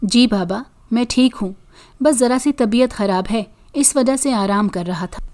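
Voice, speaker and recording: A woman voicing a possessed young son who answers in a low, calm, soft voice in a storybook reading. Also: a little slow, close to an everyday voice. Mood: eerily calm.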